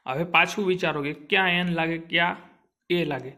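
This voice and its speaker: A man's voice: on the high side, fairly even intonation, normal speed, bright, forceful tone. A young man teaching a grammar lesson for exam students, repeatedly asking short questions and answering them himself. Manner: asks and answers his own questions. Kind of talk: classroom grammar lecture.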